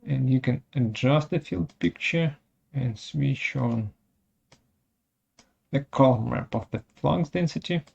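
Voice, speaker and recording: Heard as muffled webinar audio, a presenter of unclear sex delivers a technical software demo step by step in short, halting phrases. Their medium-pitched voice is gravelly with a breathy edge.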